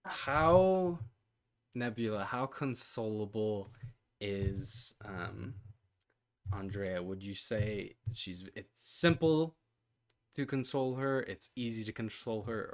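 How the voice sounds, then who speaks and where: A man's voice: on the low side, expressive, slow. A man running a tabletop game as game master, hesitant and laughing often.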